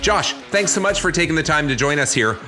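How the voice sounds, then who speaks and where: A man hosting a podcast interview, asking questions in an upbeat, lively way. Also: on the high side, a little fast, soft background music. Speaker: podcast host.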